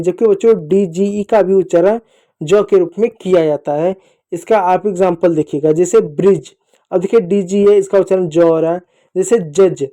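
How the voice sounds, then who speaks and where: A man with a very dark, mellow voice teaching children phonics in a recorded lesson. He talks patiently and repetitively, calling to the kids again and again. He spells letters out slowly and runs through lists of example words. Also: sits high. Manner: patient and repetitive, keeps addressing the children directly.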